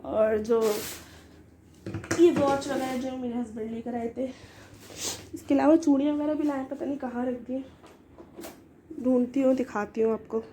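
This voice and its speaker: Hoarse young woman with a cold. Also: sits high, steady tone, normal speed, long pauses, warm tone, a little hiss or hum. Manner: chatty, explaining items one by one. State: hoarse with a cold, short of breath. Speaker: vlogger. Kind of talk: casual show-and-tell vlog.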